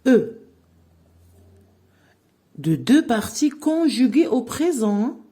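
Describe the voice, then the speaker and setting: A woman French teacher gives a grammar lesson, dictating slowly and spelling out verb endings letter by letter. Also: on the high side, big pitch swings, dark tone. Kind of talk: slow classroom-style grammar lesson.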